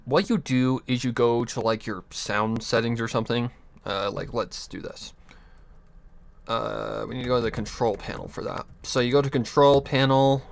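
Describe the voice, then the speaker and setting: The voice is mid-range and fairly bright: a young streamer chatting casually at his home computer desk. He rambles through advice with restarts, chuckles and offhand swearing, speaking into a USB desk mic.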